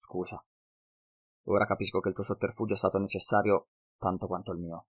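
A man's voice: low-pitched, flat delivery, fast talker, no echo. A man voicing a young knight, earnest and wary, in a plain subdued way in an audiobook.

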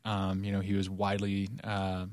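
A man's voice: low-pitched, completely flat delivery, moderate pace, darkish tone, dry recording, clean studio sound. A man co-hosting a podcast, chatting casually and enthusiastically, rambling with many fillers. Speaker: podcast co-host. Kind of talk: casual chat.

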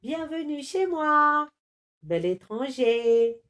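A woman voicing a big flirtatious female yeti in a storybook reading, cooing her words slowly and sweetly. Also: sits high, lively intonation, fairly bright tone, pitched above the performer's own voice, full character voice. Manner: cooing, coaxing.

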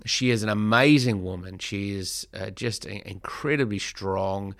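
Guy doing a podcast intro, lowish voice, dry studio sound. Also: a little slow, vocal fry, a bit bright, dry recording. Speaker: podcast host, charity director.

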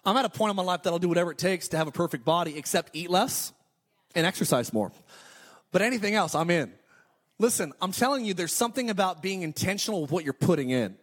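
A man in his thirties preaching a sermon, building energy through repeated declarations and quick humorous asides. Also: sits high, expressive. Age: 30s. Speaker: pastor.

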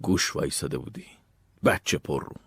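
A man's voice: extremely low pitch, expressive, creaky, a bit bright, breathy edge, no room sound, studio quality, voice pushed down, full character voice. A man voicing a brutal, impatient escaped convict who snarls out threats in a storybook reading. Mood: snarling.

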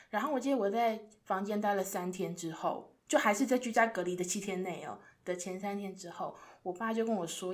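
A young woman, chatting on a podcast and animatedly acting out her parents' lines as she tells a story. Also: medium pitch. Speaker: podcast co-host. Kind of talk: casual chat.

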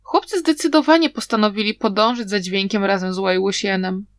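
A woman reading an audiobook as narrator, telling the story in a steady, even way. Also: mid-range voice, brisk, no room sound.

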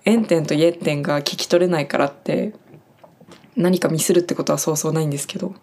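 Woman, young adult, from Japan, chatty, filler-heavy, lower-pitched voice. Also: fast talker, a little mellow. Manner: chatty, friendly explaining with many fillers. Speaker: farm worker teaching German words. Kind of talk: casual spoken lesson.

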